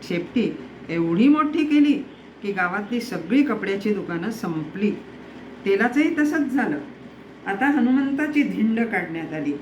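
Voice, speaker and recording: Epic storyteller, expressive and explanatory, muffled lo-fi sound with faint hiss. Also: mid-range voice. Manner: expressive, explanatory narration with rhetorical questions. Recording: dull lo-fi recording with faint noise.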